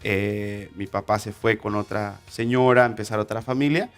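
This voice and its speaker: With faint music behind him, a Honduran man in his 20s, a ministry instructor interviewed as a guest, relates his life story in a personal testimony. He talks at normal speed in a smooth, lowish voice with little pitch movement, hesitant and full of fillers and restarts.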